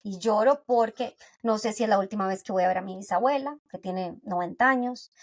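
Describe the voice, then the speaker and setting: A woman's voice: medium pitch, a little fast. A woman from Costa Rica with a Costa Rican accent, a pediatric neuropsychologist guest explaining things conversationally and often adding "¿verdad?". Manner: tags sentences with "¿verdad?", explains with everyday anecdotes.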